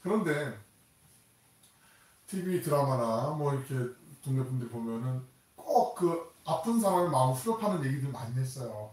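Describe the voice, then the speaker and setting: Older Korean pastor preaching in echoey hall. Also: male voice, normal speed. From South Korea. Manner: animated, acts out quoted prayers and taunts with rising pitch and force. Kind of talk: sermon. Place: church sanctuary. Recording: echoey church hall, voice from a distance.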